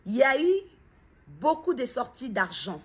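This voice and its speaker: Husky, on the high side, and full of big pitch swings, the voice belongs to a grieving mother speaking out in a personal video. She falters and searches for words, then presses earnest questions.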